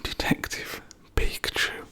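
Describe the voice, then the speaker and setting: An adult ASMR creator talking in a soft, unhurried whisper, often pausing on "um" and "yeah". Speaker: ASMR creator reviewing own film collection.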